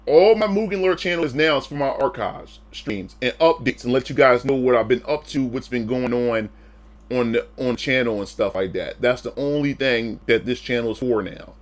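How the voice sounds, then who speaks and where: Speaking at a moderate pace in a medium pitch, this streamer keeps things casual and laid-back. He rambles to his viewers directly, frequently repeating words and starting over.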